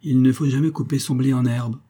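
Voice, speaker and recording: A man's voice: mid-range voice, fairly even intonation, fairly quick, mellow, breathy edge, voice pushed up, natural voice. A man voicing a playful young widow who teases her new husband in an audiobook reading. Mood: coy. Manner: playful, amused teasing. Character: young woman, a witty, teasing widow.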